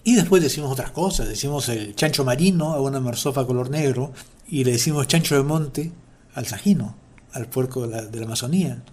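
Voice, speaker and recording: A man's voice: mid-range voice, fairly quick, darkish tone. A man with a Peruvian Spanish accent hosting a language segment and explaining words in a playful way. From Peru. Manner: playful, acts out everyday quotes. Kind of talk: explanatory talk.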